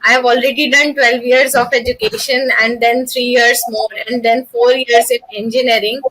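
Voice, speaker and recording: A woman's voice: on the high side, little pitch movement, normal speed, fairly bright tone, rough recording. A young woman with an Indian accent answering as a job interview candidate, formal and deferential. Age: young adult.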